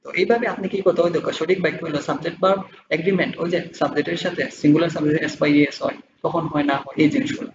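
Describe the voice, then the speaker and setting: Man, quick talker, somewhat high voice, casual tutorial, restarts and repeats, reads English examples slowly, dull lo-fi sound with clear background noise. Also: fairly even intonation. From Bangladesh. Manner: reads English example answers slowly and deliberately, then explains; loose, repetitive explaining with many restarts. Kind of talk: casual screen-walkthrough tutorial.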